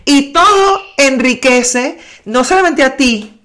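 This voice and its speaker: A woman's voice: sits high, animated, takes it slowly, fairly bright tone. A Venezuelan woman in casual chat, rambling and restarting her sentences. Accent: Venezuelan Spanish. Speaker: conversation partner.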